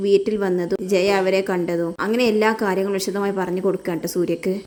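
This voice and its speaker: A woman's voice: mid-range voice, level tone, fast, darkish tone. A woman narrating a casual recap of a TV serial episode, retelling scenes and quoting the characters one after another. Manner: breathless retelling, quoting every character in turn.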